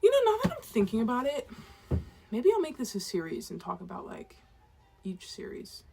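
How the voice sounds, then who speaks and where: A woman's voice: on the high side, huge pitch swings, normal speed, creaky, a little mellow, faint music behind. A woman in her twenties, an author rambling casually to camera in a chatty, self-deprecating way. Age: 20s. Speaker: author and vlogger.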